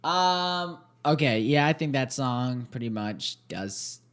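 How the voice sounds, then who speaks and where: Lively joking male podcast co-host. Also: medium pitch, slow pace, clean tone. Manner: playful, laughing banter. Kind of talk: casual chat.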